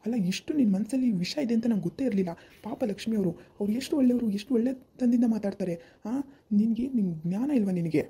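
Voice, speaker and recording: A woman's voice: medium pitch, dark tone, slight background noise, lightly acted. A woman playing a man in an amateur village drama: a loyal friend and stern husband who scolds his wife and pleads with her. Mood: scolding. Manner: scolding, pleading, fast and insistent.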